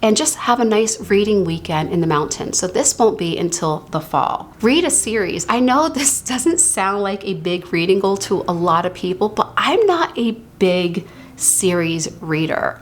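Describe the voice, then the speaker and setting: Still slightly hoarse after being sick, a woman with a lowish voice talks through her reading journal on her channel. She's chatty and stretches out words for emphasis. There's a little hiss or hum in the audio.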